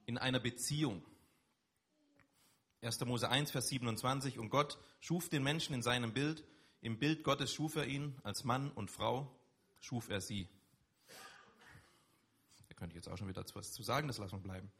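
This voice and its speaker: Husky-voiced German man preaching. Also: medium pitch, moderate pace, long pauses, a bit bright. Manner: conversational, emphatic preaching with rising stresses. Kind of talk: sermon.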